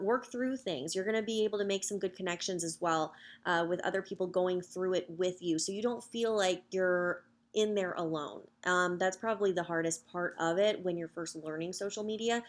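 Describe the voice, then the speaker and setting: A woman in her thirties, a social media coach, making an upbeat, chatty pitch straight to camera with frequent fillers. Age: 30s. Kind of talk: direct-to-camera sales pitch.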